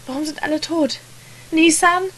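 A woman voicing a terrified little boy who cries out for his family in high, panicked calls. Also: steady tone, a little fast, slight background noise, natural voice.

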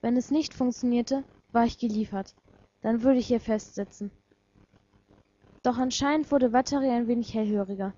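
A woman narrating a first-person story in a measured, reflective way, her voice husky and mellow yet fairly high. The sound is dull and lo-fi, as from a simple home microphone. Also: no room sound. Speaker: reader of a fan story.

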